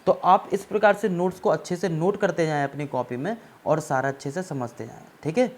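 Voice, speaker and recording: A man's voice: on the high side, a little fast. A man teaching an exam-prep history lesson, explaining step by step and often checking that students follow, with English words mixed into his Hindi. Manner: explanatory, repeats "ठीक है ना" to check understanding.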